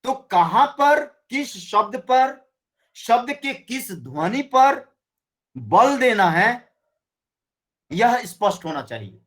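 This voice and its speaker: A man teaching a Hindi grammar lesson, explaining slowly and often checking with his students. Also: extremely high pitch, sing-song. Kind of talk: classroom lecture.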